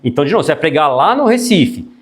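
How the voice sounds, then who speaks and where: Lively man teaching public speaking. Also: fairly high pitch, rapid-fire. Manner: animated, frequent tag questions, jokey asides. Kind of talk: classroom lecture.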